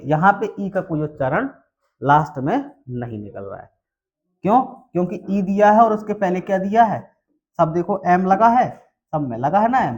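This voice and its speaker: Male English teacher, high voice, quizzes then answers his own questions. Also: darkish tone. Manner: asks questions and answers them himself. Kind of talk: classroom lesson on pronunciation.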